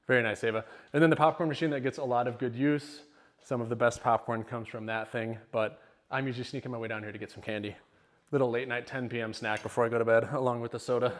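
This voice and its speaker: A man's voice: mid-range voice, fairly even intonation, quick pace. A middle-aged man, joking and rambling as he walks viewers through his home, sometimes out of breath. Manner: joking, rambling, self-deprecating. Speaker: homeowner giving a house tour. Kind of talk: casual house tour vlog. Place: large house, indoors, walking between rooms.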